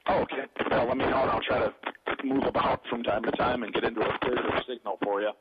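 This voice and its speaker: A man calling in as a guest over a crackly phone line full of static, talking in a quick, eager way. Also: mid-range voice, steady tone. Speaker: guest on a call-in show. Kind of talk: casual chat.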